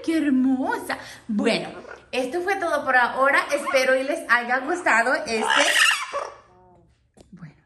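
A woman's voice: high voice, sharp tone, reverberant, slight background noise. A woman hosting a casual vlog, coaxing her pet parrot in sing-song baby talk and laughing often. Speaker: parrot owner and channel host.

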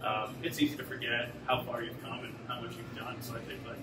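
A man's voice: mid-range voice, brisk. A man, a brewmaster talking casually in an interview with lots of fillers. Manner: relaxed and chatty, many fillers. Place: brewery taproom with concrete block walls. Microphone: camera mic from a few meters away. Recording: echoey room, distant mic, loud music.

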